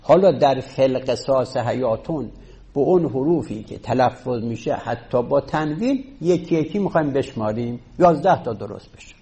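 A man's voice: mid-range voice, lively intonation, dark tone. A man teaching a class, explaining step by step and counting items aloud. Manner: takes student questions. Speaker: teacher of Arabic rhetoric. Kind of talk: classroom lecture.

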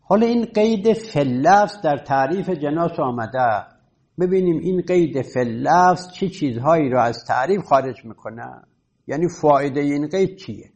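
A man teaching a class, patiently explaining a point and reading set text slowly. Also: fairly high pitch, expressive, a little mellow. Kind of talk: classroom lecture on Arabic rhetoric.

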